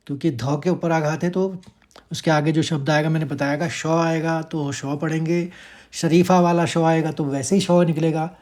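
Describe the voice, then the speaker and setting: A man teaching how to pronounce a Sanskrit verse. He chants each line slowly and drawn out, then explains the sounds more quickly, speaking. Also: fairly high pitch, a little mellow.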